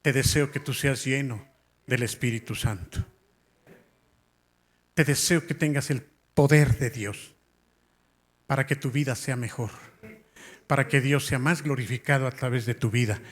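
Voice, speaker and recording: A male pastor preaching a sermon in a church hall, telling a story with passion and sometimes rising almost to a shout. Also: mid-range voice, measured pace, pauses often. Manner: impassioned, rising to near shouts in retold scenes. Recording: long reverb of a large hall.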